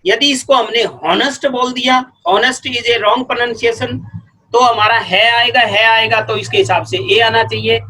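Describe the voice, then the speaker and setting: A male teacher giving a patient, step-by-step grammar lesson, often repeating words slowly to show their sounds. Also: high voice, pushed and bright, rough recording.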